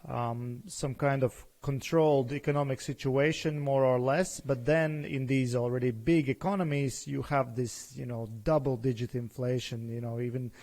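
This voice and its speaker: A man's voice: mid-range voice, steady tone, normal speed, few pauses, a little mellow. A man co-hosting a podcast, asking questions in a hesitant way as he searches for words. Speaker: podcast co-host. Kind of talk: casual chat.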